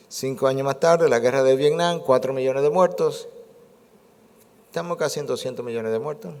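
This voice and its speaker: A man in his sixties delivers a sermon as a pastor, stacking repeated phrases and rhetorical questions to drive his point home. His mid-pitched voice carries a long reverb from a church hall. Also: darkish tone. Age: 60s. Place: church sanctuary.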